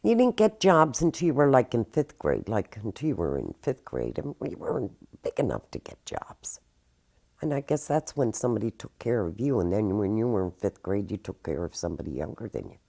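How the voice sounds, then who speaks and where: A woman's voice: very deep voice, very animated, brisk, vocal fry, dark tone. An older woman from Philadelphia, explaining childhood chores plainly in an interview. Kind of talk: reminiscing interview.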